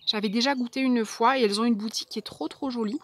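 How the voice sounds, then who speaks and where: A woman vlogger chatting casually as she unboxes a parcel, soft and hesitant, with many fillers. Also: a little high, fast.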